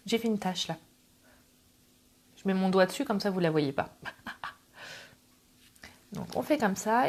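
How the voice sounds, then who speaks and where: With a gravelly voice on the high side, a middle-aged craft livestream host talks viewers through a casual tutorial, recorded by a tripod-mounted camera. She's chatty, greeting people by name between steps and poking fun at herself.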